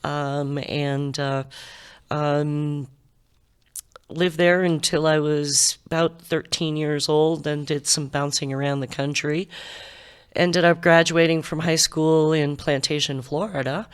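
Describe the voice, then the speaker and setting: An older woman from central Massachusetts tells stories in a candid, chatty way. Her voice is smooth and clear. Her pitch stays fairly even. She sounds like a guest in a relaxed podcast interview. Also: slow. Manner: chatty, candid, laughs easily while telling stories. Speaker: outgoing museum executive director. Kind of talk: casual interview storytelling.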